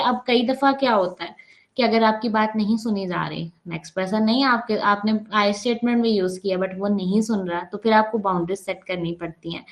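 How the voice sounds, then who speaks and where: A woman with a Pakistani Urdu accent teaching an online workshop, explaining step by step, mixing English terms into her Hindi-Urdu and often checking in with her listeners. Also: medium pitch. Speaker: psychology workshop trainer.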